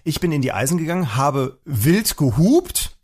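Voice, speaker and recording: A man telling a personal story in casual chat, animated, acting out the people he quotes. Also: fairly high pitch, normal speed, husky.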